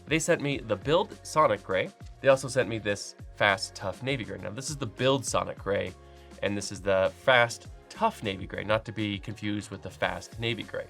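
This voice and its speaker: Faint music plays behind a 3D printing channel host reviewing a product casually while congested with a cold. He has a fairly low, creaky, nasal voice with a fairly bright tone, keeps a moderate pace, and rambles chattily with many fillers and restarts.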